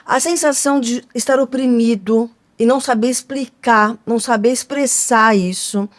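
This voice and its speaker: A woman's voice: fairly high pitch, steady tone, moderate pace. A woman co-hosting a podcast, talking earnestly and emphatically, posing rhetorical questions. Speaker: podcast co-host. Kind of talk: conversational podcast talk.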